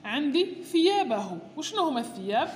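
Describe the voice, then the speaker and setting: Speaking in a high, sing-song, slightly mellow voice, a teacher with an Algerian Arabic accent walks parents through a primary school worksheet. She patiently reads every item out loud before slowly explaining it, and the room is echoey with a long reverb.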